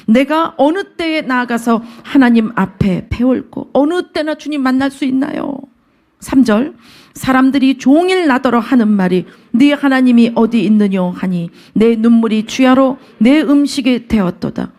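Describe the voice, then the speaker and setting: A woman's voice: high voice, normal speed. Female pastor whispering then declaring. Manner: swings between loud emphatic phrases and hushed whispers; reads scripture aloud and explains it. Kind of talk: sermon.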